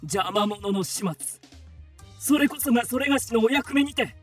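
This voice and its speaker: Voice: medium pitch, moderate pace, faint music behind, lightly acted. An actor voicing a sly, mocking male villain in a period audio drama, taunting in stiff samurai speech.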